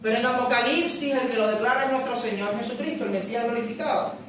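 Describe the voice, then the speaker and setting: A woman preacher giving a sermon, reading scripture slowly and emphatically and asking the congregation questions. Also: fairly high pitch, distant mic, a little hiss or hum. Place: church hall. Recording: very echoey room, voice away from mic.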